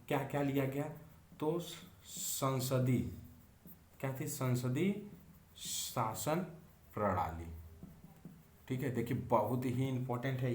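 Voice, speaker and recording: A man's voice: mid-range voice, darkish tone. A man teaching an exam-prep civics lesson who repeats key terms and keeps asking rhetorical questions. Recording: echoey room, faint background hum.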